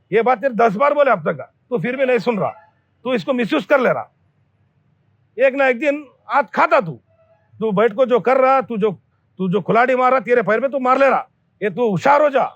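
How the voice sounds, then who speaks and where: A man's voice: extremely high pitch, no room sound, lo-fi sound. A man giving an angry public warning to a businessman, scolding bluntly and repeating his threats. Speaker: local activist addressing a company owner.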